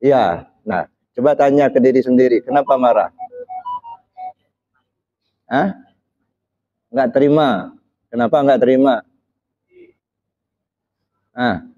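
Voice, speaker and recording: A man's voice: medium pitch, slow pace, pauses often, dark tone, soft background music. A man giving an interactive religious talk, putting questions to the audience and pressing them to answer, with frequent short "ya" checks between phrases. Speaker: Islamic preacher. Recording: slightly dull, muffled recording.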